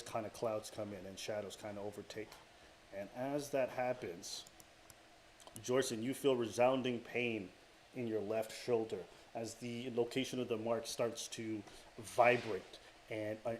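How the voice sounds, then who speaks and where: Low-voiced male dungeon master narrating. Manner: hesitant, many fillers and restarts. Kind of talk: narrating a tabletop game. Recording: clear background noise.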